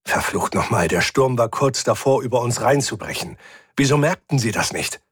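A man narrates a science-fiction tale in the first person with a wry, dramatic edge. His voice has a husky grain, and the recording is dry and close. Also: medium pitch, expressive, normal speed, a bit bright, no room sound. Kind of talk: scripted audio drama narration.

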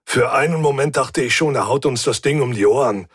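A man voicing a gruff male spaceship crewmate who grumbles and frets aloud. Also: medium pitch, brisk, no echo, clean studio sound, natural voice. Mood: relieved. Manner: grumbling, then relieved and excitable.

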